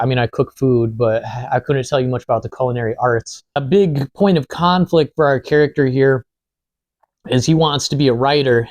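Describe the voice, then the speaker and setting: Guy chatting through a movie review, informal n a bit sweary, mid pitch, really dry sound. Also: darkish tone, dry recording. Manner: informal, lightly profane. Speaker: film reviewer. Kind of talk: casual film review chat while eating.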